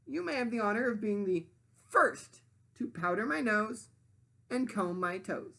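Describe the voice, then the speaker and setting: A woman voicing a bossy, gloating little storybook witch with a crowing, drawn-out, commanding delivery. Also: mid-range voice, lively intonation, vocal fry, bright, forceful tone, pitched above the performer's own voice, full character voice. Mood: haughty, commanding.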